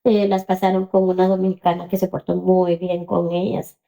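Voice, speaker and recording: A woman, telling her own story in an interview with hesitant pauses and many fillers. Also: lowish voice, little pitch movement, gravelly, mellow. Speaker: interview guest.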